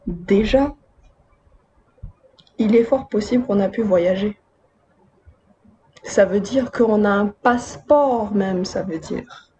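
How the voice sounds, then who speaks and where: A dark-toned, mid-range female voice comes through a muffled recording with a little hiss or hum. She's a video essayist from Madagascar, raised between Côte d'Ivoire and France, chatting casually with her viewers and tossing in wry, slangy asides.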